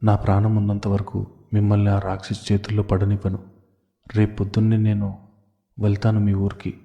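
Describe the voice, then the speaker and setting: A man's voice: on the low side, completely flat delivery, a little fast, creaky, mellow. A man voicing an anxious, fiercely protective old village grandmother in an audio story, with a scolding, agitated manner. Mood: angry. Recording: dull lo-fi audio.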